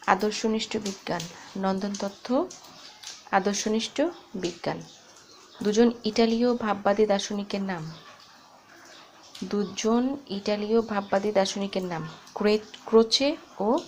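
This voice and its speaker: A woman's voice: medium pitch, low-quality recording. A woman tutor running an exam revision drill, repeating each answer and breaking hard words into syllables. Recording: loud background noise.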